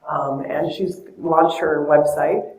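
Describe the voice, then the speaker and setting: A woman's voice: deep voice, steady tone, takes it slowly, darkish tone. A woman in her fifties telling personal stories at a talk, earnest, conversational and emotional. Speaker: speaker at a talk. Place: event venue with audience. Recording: echoey room.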